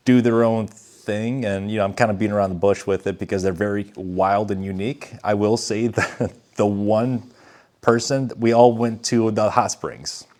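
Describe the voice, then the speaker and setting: A man's voice: fairly low pitch, a little mellow. A man co-hosting a casual gaming podcast, telling long, rambling stories with chuckles and the odd swear word. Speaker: podcast co-host. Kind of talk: casual chat.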